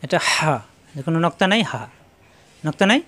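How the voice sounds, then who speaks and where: Bangladeshi guy teaching letters, kinda high voice, says each syllable over and over. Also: animated. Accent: Bangladeshi Bengali. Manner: repetitive, instructive, drawn-out syllables. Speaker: Quran reading teacher. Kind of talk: slow drilled pronunciation lesson.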